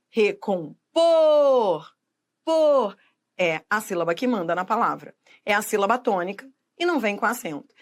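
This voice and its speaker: Woman teaching grammar, slow example words. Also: on the high side, fairly bright tone. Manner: didactic, stretches out example words slowly; addresses viewer directly, asks and answers own questions. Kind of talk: video lesson.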